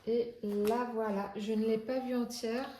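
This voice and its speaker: A woman in a casual, chatty review vlog, talking through her finished diamond painting in a relaxed way, with many hesitations and self-corrections. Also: a little high, a little slow, slight background noise.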